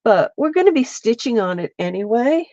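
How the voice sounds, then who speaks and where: A woman with a stuffy, congested voice, slowly walking viewers through a craft step by step and chatting with them as she works. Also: a little high, very animated, dark tone, no echo, highs cut off. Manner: slow, meandering, chats with viewers while working. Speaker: craft livestreamer. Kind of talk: casual craft demonstration. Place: home, at her lap.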